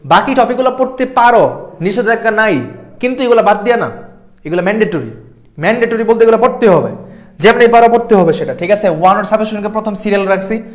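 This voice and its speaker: A man's voice: high-pitched, fast talker. A young man tutoring for an admission exam in a live class lecture, repeating points emphatically and often checking that students follow. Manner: repetitive, emphatic, keeps checking understanding.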